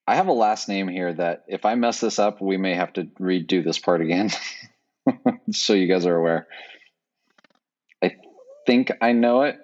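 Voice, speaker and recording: A man's voice: deep voice, normal speed, long pauses, a little mellow. A man co-hosting a casual movie podcast, chatty and teasing, often laughing. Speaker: podcast co-host. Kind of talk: casual movie-list chat. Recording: dull lo-fi recording.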